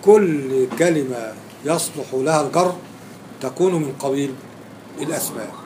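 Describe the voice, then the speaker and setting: Egyptian-accented male grammar teacher, slightly high voice, questions the class, faint room hiss. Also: moderate pace, mellow. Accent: Egyptian Arabic. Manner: quizzing students, repeating and stressing key words. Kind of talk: classroom lecture with questions to students.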